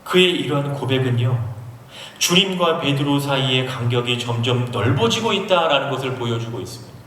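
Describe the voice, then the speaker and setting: This pastor from Seoul, preaching to a university auditorium crowd, walks through a passage and asks the audience questions. His mid-range voice is animated and a bit bright at a normal pace. It's recorded from far off in an echoey hall with slight background noise.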